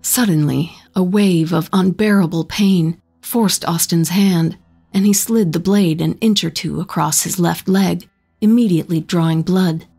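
A woman narrating a horror short story in a slow, measured storytelling manner. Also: lowish voice, vocal fry, mellow, husky, soft background music.

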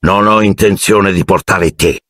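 A man's voice: on the low side, big pitch swings, normal speed, fairly bright tone, no echo, studio quality, voice pushed up, heavily acted. A man doing a blustering, bullying uncle. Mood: menacing. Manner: gruff, blustering, threatening. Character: overbearing middle-aged man, bullying uncle.

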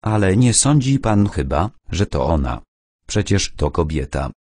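A man's voice: sits low, very animated, a little slow, a little mellow, exaggerated voice. A man reading the lines of a flustered village landlady who talks in a worried, disbelieving way. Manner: shocked, fretful.

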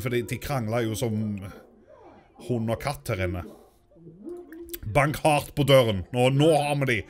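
A Norwegian man chatting casually through a let's-play, talking to his game characters and getting excitable. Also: medium pitch. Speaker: gaming YouTuber.

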